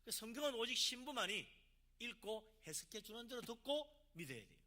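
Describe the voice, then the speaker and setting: A man's voice: very high voice, animated, brisk, bright, forceful tone. A man, a pastor from South Korea, preaching a sermon with emphatic delivery and rhetorical questions.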